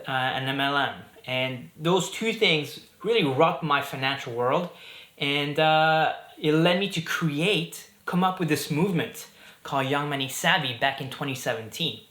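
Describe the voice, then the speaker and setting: A Belgian man in his thirties hosts a casual talk to camera, upbeat and chatty, with fillers and jokes. His voice is on the high side, pushed and bright. The sound is roomy.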